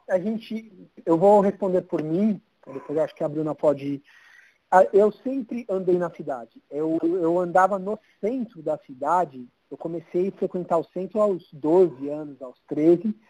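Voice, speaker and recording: A man in his thirties with a São Paulo Brazilian accent chats casually as an interview guest; he makes social media city guides. His voice is high-pitched and dark in tone, a bit slow, and the recording quality is low.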